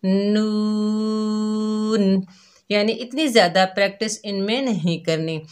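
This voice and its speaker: A woman teaching young children to read Arabic letters, speaking gently and patiently and repeating each letter slowly. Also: lowish voice. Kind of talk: slow children's lesson.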